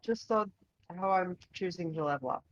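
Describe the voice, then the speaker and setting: A man's voice: high-pitched, moderate pace, fairly bright tone, dull audio. A man playing a tabletop game, talking in a hesitant, playful way. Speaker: player. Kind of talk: casual chat during a tabletop game.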